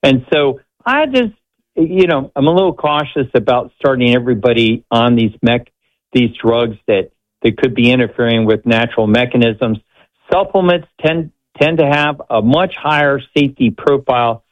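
A man's voice: mid-range voice, normal speed. Male doctor explaining, slightly dull audio. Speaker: doctor, expert radio guest. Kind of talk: conversational medical explanation.

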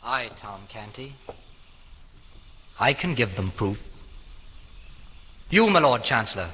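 A young male actor playing an earnest prince, addressing his court formally and deliberately in a theatrical period drama. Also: medium pitch, sing-song, sharp tone, a little hiss or hum, heavily acted. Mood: earnest, assured. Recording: reverberant hall.

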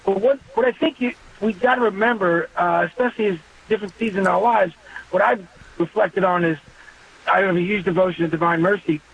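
Man, fifties, radio caller: earnest, reflective, higher voice, muffled lo-fi line. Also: brisk, fairly bright tone, husky. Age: 50s. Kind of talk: call-in radio talk. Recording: muffled phone-in line with faint noise.

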